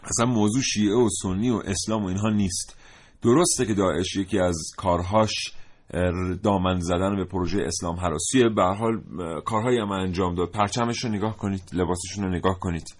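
A man's voice: deep voice, fairly even intonation. A man co-hosting a studio discussion, talking in an emphatic, lecturing way. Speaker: co-host.

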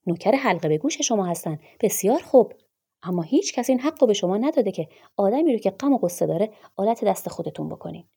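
Storybook: woman doing an enraged, proud male doctor; yelling, husky, loud. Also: medium pitch, expressive. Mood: furious, shouting. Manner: shouting angry tirades. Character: furious grieving male doctor, bitter and proud.

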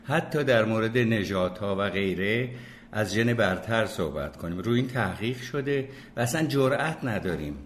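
A man's voice: fairly low pitch, expressive, a little hiss or hum. An older man chatting casually as a podcast guest, opinionated and hesitant, with many fillers and restarts. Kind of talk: casual chat.

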